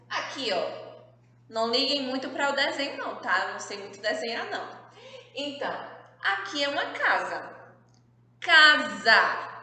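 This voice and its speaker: A woman teaching young children, slowly sounding out syllables and drawing out key words in a recorded lesson. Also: sits high, bright, forceful tone. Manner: slow, sounds out syllables, drawn-out stressed words. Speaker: kindergarten teacher. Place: classroom with whiteboard. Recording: echoey room with long reverb.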